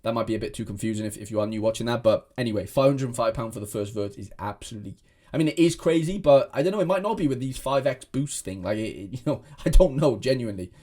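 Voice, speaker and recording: Fast and darkish in tone at medium pitch, a young fantasy football content creator chats casually to camera. He's a native Welsh speaker whose rambling talk is packed with restarts and fillers.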